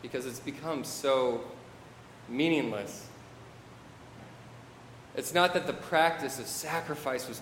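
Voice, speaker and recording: A man's voice: a little high, a bit bright, slight background noise. A man preaching a sermon, reading scripture and adding wry, modern asides. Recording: echoey hall with long reverb, faint ambience.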